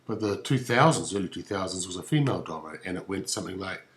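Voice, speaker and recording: New Zealand male comic, dry mock-professor delivery, low-ish voice. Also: lively intonation, quick pace, fairly bright tone. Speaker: comedy musician. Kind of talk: comic stage monologue.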